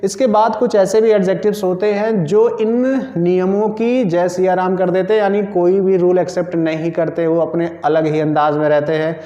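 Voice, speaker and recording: A man's voice: high voice, fairly even intonation, moderate pace, hardly any pauses, mellow. A man teaches a grammar lesson, patiently repeating each rule and spelling words out letter by letter. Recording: roomy, echoing and dull lo-fi sound.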